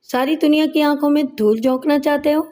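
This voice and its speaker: A gruff, scornful male police inspector who barks orders and scolds his suspect in a storybook reading, as a woman narrator puts him on. His voice sits high and mellow, and every line comes out commanding. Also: lightly acted. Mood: stern.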